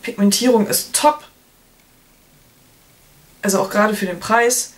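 A woman's voice: mid-range voice, unhurried. A woman in her thirties chatting casually to camera in a product review, with playful colloquial asides. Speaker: beauty vlogger. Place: small room at home, indoors. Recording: clear background noise, clicks.

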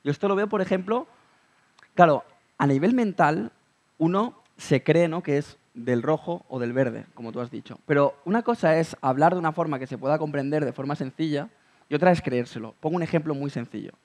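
A man's voice: on the high side, a little fast, a little mellow. Thoughtful man giving everyday examples. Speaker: guest speaker. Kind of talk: reflective conversation at a talk.

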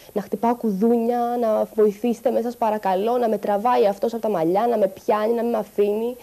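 A woman giving a halting, distressed personal testimony about harassment. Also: mid-range voice, warm tone. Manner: halting, distressed, with pauses and restarts. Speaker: interviewee recounting harassment.

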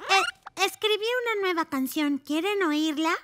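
A woman's voice: very high-pitched, measured pace. A woman voicing a small, scheming, eager cartoon bird with a theatrical sing-song delivery. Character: small excitable pink bird, scheming birthday boy. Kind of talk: children's cartoon dubbing. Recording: children's music behind the voice.

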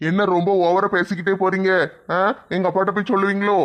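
A man's voice: high-pitched, level tone, fast, close to an everyday voice. A man voicing a defiant young village man, evasive and argumentative. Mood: defensive. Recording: dull lo-fi recording.

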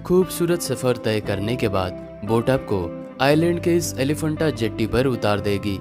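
A man narrates a travel guide in a steady, informative voice-over, his tone sitting at a middle pitch. Plucked guitar music plays clearly beneath him the whole time. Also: unhurried. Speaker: travel vlogger.

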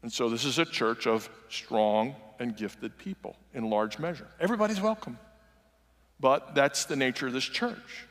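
Moving about the stage, a man in his sixties preaches as a guest in a large sanctuary, earnest and conversational at a moderate pace. His medium-pitched voice has a fairly bright tone, echoing with the long reverb of the church hall.

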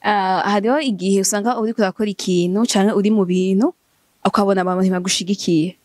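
A young woman from Burundi hosting a casual music interview, playful and quick to laugh. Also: medium pitch, dry recording. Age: young adult. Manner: lively, laughs often, playful asides. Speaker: interviewer, show host.

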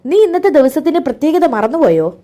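A doting older mother coaxes and pleads with her daughter, as a woman storyteller voices her. The voice is fairly high and the talk runs fast. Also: sing-song, mellow. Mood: coaxing. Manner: coaxing, affectionate.

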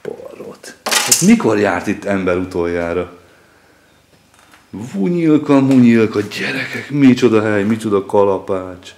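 A man's voice: on the low side, a little hiss or hum. A middle-aged man giving a curious, chatty running commentary while exploring an abandoned building with his children. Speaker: father exploring with his kids. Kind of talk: casual exploring vlog.

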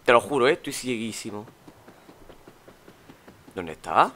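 Young Spanish let's player, chatty and exclamatory, bright mid-pitched voice. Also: male voice, expressive, measured pace. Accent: Spain. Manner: chatty, exclaiming, mutters while searching. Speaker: gaming YouTuber. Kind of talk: let's play commentary.

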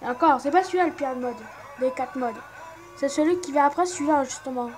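A high-pitched young woman chatting through her game, laughing often and teasing herself. She talks loosely and casually, with soft game music playing behind her voice. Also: fairly quick, low-quality recording. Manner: giggly, self-mocking, chatty. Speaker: gaming channel host. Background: faint game music.

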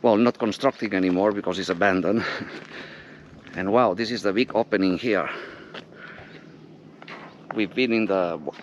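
Wearing or holding an action camera, an explorer clambers over an abandoned, unfinished concrete structure outdoors, describing the scene plainly and without hurry. His voice sits low, the audio sounds dull, and there's slight background noise.

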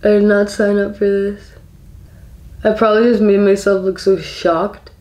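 Here the same tipsy, giggling twentysomething vlogger chats loosely to camera as she applies makeup indoors in her small kitchen. Her medium-pitched voice is level and darkish, at a normal speed, picked up by a camera mic a step or two off in an echoey space.

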